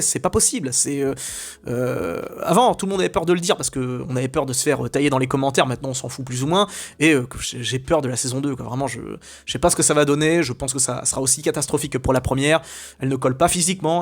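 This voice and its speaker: A man giving opinionated, casual commentary as a video host, ranting with many fillers and restarts. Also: on the high side.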